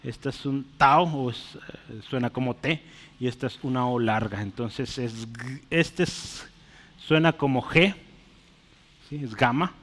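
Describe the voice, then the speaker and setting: A man preaching a sermon, explaining words slowly as he writes them on a board and often checking in with his listeners. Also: mid-range voice, a bit bright. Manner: asks "¿verdad?" and "¿sí?" often. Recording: long hall reverb.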